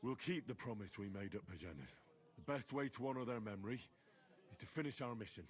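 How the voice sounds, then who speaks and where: Actor voicing calm practical young squire, lively intonation, game voice. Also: male voice, on the low side, a little fast, close to an everyday voice. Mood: earnest. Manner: calm, reasoning. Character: steady, practical young man, a humble squire. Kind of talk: game voice acting.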